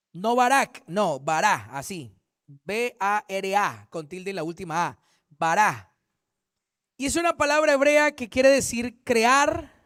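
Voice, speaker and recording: A man's voice: extremely high pitch, a bit bright, clear, resonant tone, no room sound, studio quality. A man, a pastor, teaching a Bible study in an earnest, repetitive way, often correcting himself mid-sentence.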